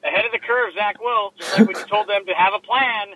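A man co-hosting a casual sports chat over a low quality remote stream from a laptop in his car, talking in a joking, chatty way with plenty of filler words. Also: a little fast, a loud crowd, low-quality recording. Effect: low quality remote stream audio. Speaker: sports podcast co-host. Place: inside a parked car. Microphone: laptop microphone.

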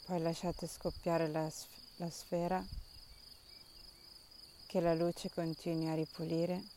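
A woman leading a guided meditation in a soft, calm, soothing voice with long pauses between instructions. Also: fairly low pitch, slight background noise.

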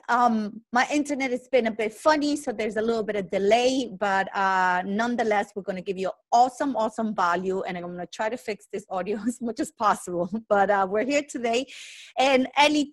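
A woman hosting a podcast, chatting upbeat with her guest and often restarting her sentences. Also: a little high. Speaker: podcast host. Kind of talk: casual interview.

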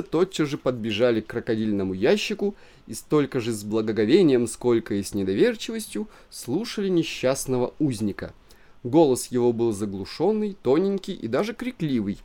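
A man's voice: medium pitch, dark tone. Man reading a story theatrically. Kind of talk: literary audiobook narration.

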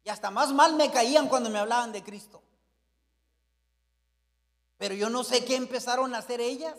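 A man preaching a fervent Pentecostal sermon, swinging between shouts and hushed storytelling. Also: very high voice, normal speed, big-room sound. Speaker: pastor.

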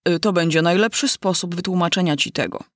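A woman's voice: fairly low pitch, brisk, no echo, studio quality, lightly acted. A woman voicing a solemn, pompous bird who loves long words, in a storybook reading. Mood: flustered. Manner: pompous, wordy, easily offended.

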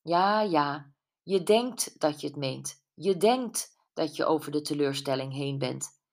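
A woman voicing Jules, a caring friend who probes gently and a bit knowingly, in an audiobook. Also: low-pitched, lively intonation, slow, heavily acted. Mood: probing. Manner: gentle but probing, a little know-it-all. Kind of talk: audiobook character voice.

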